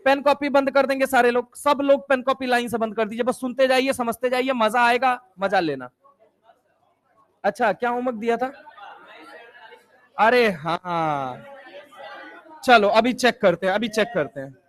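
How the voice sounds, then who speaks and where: A young man teaching chemistry in a lively classroom lecture, firing repeated questions and teasing his students. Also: very high-pitched, brisk, a faint crowd. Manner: repetitive call-and-response questioning.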